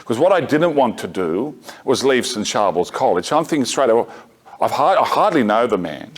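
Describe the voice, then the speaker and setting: Speaking to a parish group in their gathering room, a middle-aged man with an ordinary mid-pitched voice mixes lecture points with stories from his own life. His delivery is conversational and unpolished, a little fast and sing-song, full of restarts and self-corrections, with dry, wry asides.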